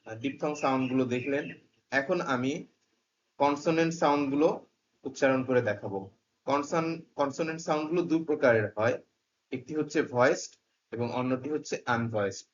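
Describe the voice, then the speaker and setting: A man gives a careful pronunciation lesson, pausing on each sound and example word. His pitch sits in a middle range. The recording is dull and slightly lo-fi. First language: Bengali. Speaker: English pronunciation teacher. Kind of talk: slow, deliberate pronunciation lesson.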